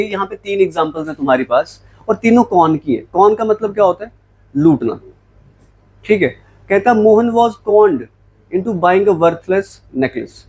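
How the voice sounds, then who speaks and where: A man with a fairly high voice teaches English vocabulary in a classroom lecture. He switches between Hindi and English and keeps asking his students questions that he answers himself. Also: a little mellow, husky, poor audio. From Jammu, India.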